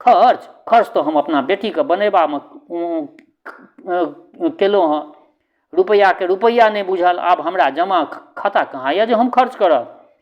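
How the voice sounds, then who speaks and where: A man's voice: sits high, lively intonation, takes it slowly, muffled recording. A man playing a flustered, helpless bride's father.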